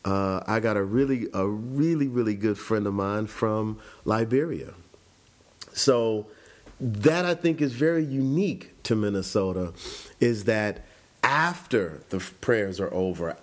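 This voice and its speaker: A fairly low-pitched, expressive man at a measured pace recounts his life story in an interview. He is in his forties and from Chicago, and his reflective, conversational style includes many restarts.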